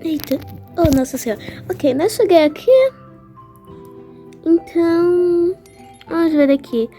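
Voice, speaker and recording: A woman with a high, bright-sounding voice narrates her gameplay in a loose, chatty way. She teases and questions the characters as if they could hear her. Soft game music runs faintly underneath. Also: slow pace. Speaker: gaming channel host. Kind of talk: casual gameplay commentary.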